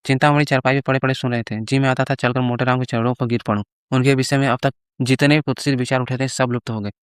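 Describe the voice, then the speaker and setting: A man narrating a classic short story in measured storytelling. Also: medium pitch, steady tone, clean tone, dry recording, studio quality. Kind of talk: scripted story reading.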